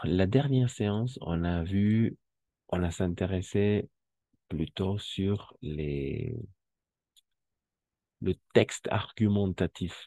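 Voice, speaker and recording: Slow, deep-voiced male language teacher. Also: mellow, no room sound. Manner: patient, repeats key words, checks with "right?". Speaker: French teacher. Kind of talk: live language class explanation.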